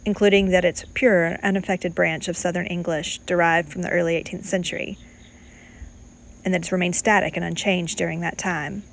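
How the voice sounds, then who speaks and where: A woman reading scripted documentary narration in a formal, measured manner. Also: fairly low pitch. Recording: faint background noise.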